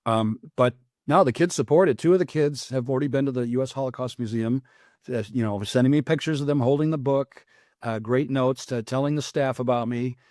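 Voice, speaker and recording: An older man from the United States speaks as an interview guest with an earnest, reflective manner, often pausing and restarting his thoughts. His voice sits at a middle pitch and sounds dry and close, with no room around it. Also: darkish tone, no echo. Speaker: author guest. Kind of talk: interview answers.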